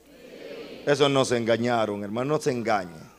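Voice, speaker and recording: A man preaching a sermon, impassioned, speaking directly to the congregation as brother and breaking into humorous asides. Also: moderate pace. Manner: impassioned, with sudden leaps to high cries and humorous asides.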